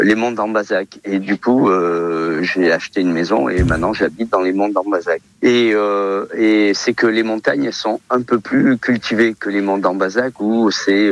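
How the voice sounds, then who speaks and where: A man in his fifties from Portugal, a radio guest talking slowly with many hesitations and fillers. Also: sits low. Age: 50s. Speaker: olive oil seller guest. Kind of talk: radio interview.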